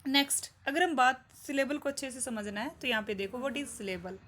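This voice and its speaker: A woman's voice: sits high, a bit bright. A woman teacher with an Indian accent explaining poetry terms, asking herself questions and answering them. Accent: Indian English. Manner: reads English definitions slowly and deliberately. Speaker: English teacher. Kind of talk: online exam-prep lesson, Hindi mixed with English.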